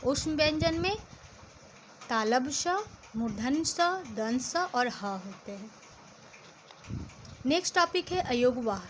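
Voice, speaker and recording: A woman's voice: high-pitched, animated, takes it slowly, pauses often, slight background noise. A woman teacher explaining a lesson step by step to children and reciting letters one by one. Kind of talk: classroom lesson.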